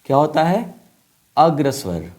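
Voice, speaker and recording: Slow-drilling man teaching a class. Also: a little high, sing-song, a little mellow. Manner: slow, repeating points and asking questions. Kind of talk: classroom lesson to children.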